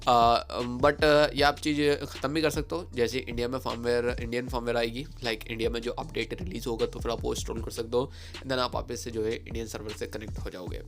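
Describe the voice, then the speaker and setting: A man's voice: medium pitch, flat delivery, fairly quick. A man hosting a tech channel, explaining phone updates in a casual, chatty way with frequent fillers and English phrases mixed in.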